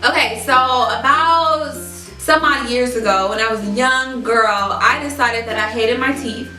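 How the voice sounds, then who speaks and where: A young woman telling a personal story in a casual, chatty, emphatic and expressive way, as a vlogger talking to her viewers. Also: a little high, unhurried. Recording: echoey room, distant mic, music.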